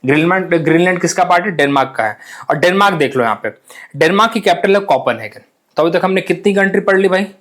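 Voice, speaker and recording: A young man gives a casual map lesson for exam prep, his voice sitting high, expressive and a bit bright at a quick pace. He's chatty and repetitive, repeating phrases and often mixing in English words.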